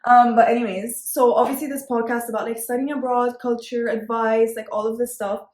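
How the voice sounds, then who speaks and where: A young woman hosts a podcast, chatting casually in an upbeat way with lots of fillers. Her voice is a little high, level, slightly fast and darkish in tone, with a roomy echo on the recording.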